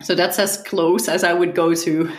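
A woman's voice: on the low side, level tone, moderate pace. A woman answering interview questions thoughtfully, often repeating a word as she gathers her thoughts. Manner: thoughtful, repeats words as she thinks, laughs lightly. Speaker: guest. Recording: echoey room.

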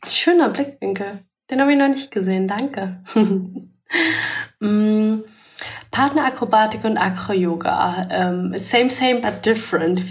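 A woman's voice: mid-range voice, a little mellow, roomy sound, recorded from a distance. A woman hosting a casual interview, searching for words with many fillers and restarts as she talks about teaching. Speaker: podcast host, acro yoga teacher.

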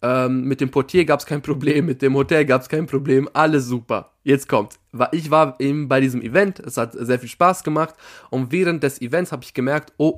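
A young man telling an anecdote casually to his viewers, animated and often restarting his sentences. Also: mid-range voice. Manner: lively, animated storytelling, often breaking off to restart. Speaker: vlogger telling a story. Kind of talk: casual storytelling to camera.

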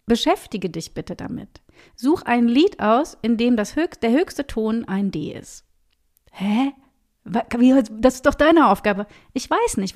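A woman with a slightly high voice talks about teaching singing in a relaxed podcast conversation. She is lively and keeps slipping into small acted-out exchanges with her students, recorded on a podcast microphone. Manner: animated, acts out little dialogues in voices.

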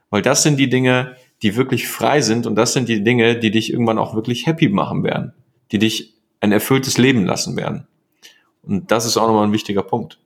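A man's voice: mid-range voice, vocal fry. A man co-hosting a casual coaching chat, reflective and asking probing questions. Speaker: podcast co-host.

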